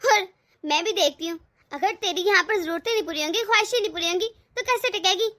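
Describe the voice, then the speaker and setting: Woman voicing Shamsa, shrill scheming mother-in-law. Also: quick pace. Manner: sharp, scolding, sarcastic. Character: scheming middle-aged mother-in-law, domineering and taunting. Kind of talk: animated cartoon voice acting.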